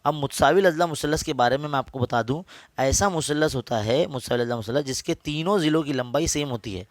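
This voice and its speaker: A man's voice: fairly high pitch, fairly quick, dry recording. Patient man teaching maths, dry sound. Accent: Urdu. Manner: patient, repeats each step, addresses students as children. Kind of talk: explaining geometry on a board.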